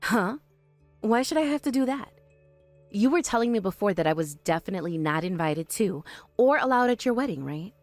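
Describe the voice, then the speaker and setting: A woman voicing a calm, sharp-tongued young woman in an animated story, speaking firmly and with dry exasperation. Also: medium pitch, a little fast, no echo, soft background music, close to an everyday voice.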